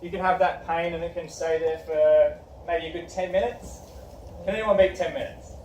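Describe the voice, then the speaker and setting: Heard from across an echoey room with faint background noise, a young male teacher runs a class discussion, asking questions and encouraging students. His voice is a little high and slightly mellow, steady in tone and moderate in pace.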